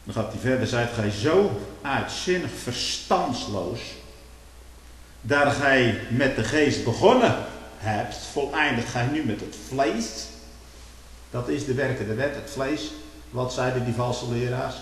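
Male preacher, fervent pulpit delivery with old biblical phrasing, booming hall reverb, faint hiss. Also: slow pace. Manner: impassioned, rising to loud rhetorical questions. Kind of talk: sermon.

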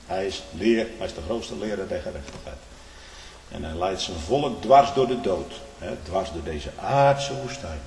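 A man preaches with fervour, his rather low voice swelling into loud exclamations before dropping back. He keeps checking in with his listeners with a quick "hè?" or "hm?". The recording rings with the long reverb of a hall, with a faint hiss behind it. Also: far from the mic. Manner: fervent, rising to loud exclamations, with frequent "hè?" and "hm?" tags. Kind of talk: sermon.

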